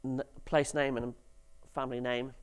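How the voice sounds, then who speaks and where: A man's voice: medium pitch, little pitch movement, normal speed, clean tone. A man giving a conference talk to developers, with dry, sarcastic humour and questions to the audience, on stage in a conference hall. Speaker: conference speaker.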